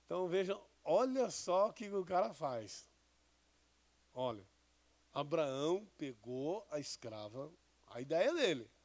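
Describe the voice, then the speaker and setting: A man's voice: fairly high pitch, very animated, slow, darkish tone. A man, a bishop giving a conversational sermon with Bible readings and questions to the congregation. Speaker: bishop preaching.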